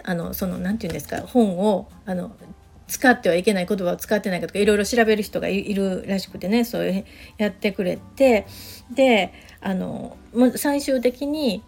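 A woman's voice: medium pitch, creaky, husky. A middle-aged woman, a counselor talking in a casual podcast monologue that rambles along with plenty of fillers. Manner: rambling, full of fillers, chatty asides.

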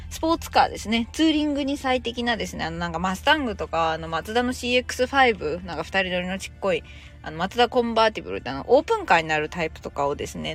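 Young woman podcast host, quick and bouncy, chatty with laughing asides, faint music underneath. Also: medium pitch. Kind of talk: casual solo podcast talk.

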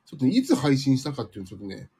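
Sleepy guy doing a chatty home livestream, husky and a bit stuffy, voice bounces up and down a lot. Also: medium pitch, huge pitch swings, very fast, mellow. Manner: rambling, sleepy, self-deprecating. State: slightly nasal from a cold. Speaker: livestream host. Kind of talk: casual live-stream chat reading listener comments.

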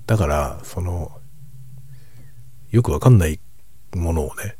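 A middle-aged man chatting casually in a hushed, soft voice, musing reflectively as if for late-night listening. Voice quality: husky, breathy low voice. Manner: reflective, musing, unhurried soft-spoken delivery. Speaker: host of a late-night chat for falling asleep.

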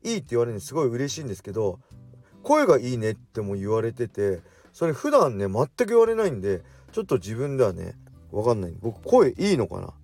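Lively-voiced man hosting a solo radio talk. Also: medium pitch, fast talker, breathy edge, soft background music. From Japan. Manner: speeds up as he talks, with self-corrections. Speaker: radio show host.

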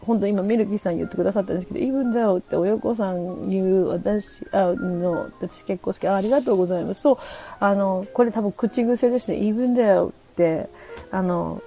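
Middle-aged woman from Japan, casual solo radio host, chatty and hesitant, low gravelly voice. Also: mellow, soft background music. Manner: chatty, laughing, hesitant, switching between Japanese and halting English. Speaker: podcast host. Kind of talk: casual solo radio chat reading listener comments. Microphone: phone or desk mic on a streaming app.

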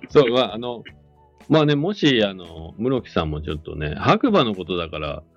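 A man's voice: lowish voice, very animated, moderate pace. A man hosting a casual live radio chat, speaking politely and chattily. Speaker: radio host. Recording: dull lo-fi audio, faint music behind. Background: faint music.

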